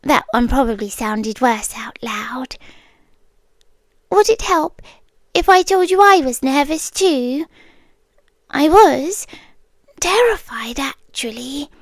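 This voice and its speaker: An ASMR roleplay creator, a British woman, plays a young kidnapper who is obsessively and sincerely in love, staying calm throughout. Her voice is high and unhurried with lively intonation, soft-spoken and often dropping into whispers, in a full character voice. She murmurs into a dry, close mic with no room sound.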